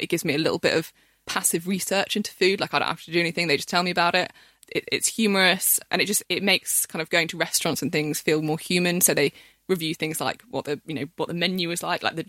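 A woman's voice: on the low side, fairly bright tone, no echo, studio quality. A woman chatting enthusiastically as a podcast guest, full of fillers and restarts. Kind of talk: casual podcast chat.

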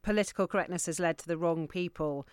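A woman's voice: on the low side, quick pace, clean tone, dry recording, studio quality. A woman co-hosting a live radio phone-in, discussing and questioning.

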